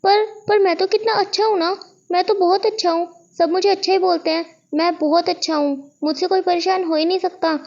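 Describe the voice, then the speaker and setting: A whiny, excitable teenage schoolboy who boasts about himself, as a woman storyteller puts him on. The voice sits very high and comes through a dull, lo-fi recording. It suits a read-aloud fan story. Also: brisk. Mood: whiny boastful. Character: playful boastful teenage boy student.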